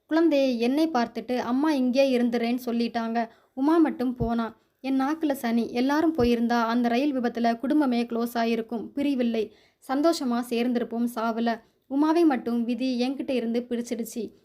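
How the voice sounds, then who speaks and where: A woman voicing a kind, devoted young widower in a spoken story, calm and reassuring. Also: on the high side, moderate pace, natural voice. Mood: sorrowful.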